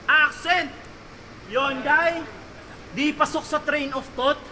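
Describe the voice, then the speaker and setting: High, bright-voiced man spitting battle rap. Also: fairly even intonation, takes it slowly, slight background noise. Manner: punchy, taunting delivery with shouted punchlines. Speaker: battle rapper.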